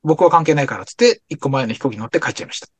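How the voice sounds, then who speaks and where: A laid-back man talks on a podcast with a relaxed, self-deprecating manner, his voice rising and falling freely. The sound is dry and close, with no room echo. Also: medium pitch, rapid-fire, slightly rough. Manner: laid-back, self-deprecating, many soft agreeing fillers. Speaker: podcast co-host. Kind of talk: casual chat.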